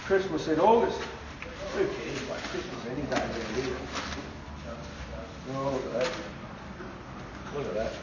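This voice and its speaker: A man's voice: mid-range voice, measured pace, pauses often, distant mic. A middle-aged Australian man chatting cheerily as he unboxes parts in a motorcycle shop. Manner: excitable, cheery whoops. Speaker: shop owner and channel host. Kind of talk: casual unboxing chat. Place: motorcycle shop showroom by open doors. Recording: roomy, muffled, with loud background noise.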